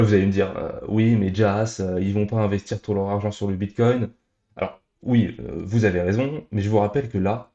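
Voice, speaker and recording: A man's voice: on the low side, mellow, roomy sound, lo-fi sound. A young man hosting a crypto news channel, talking straight to his viewers in an upbeat, scripted way. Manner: upbeat, direct address to viewers. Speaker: crypto YouTube host.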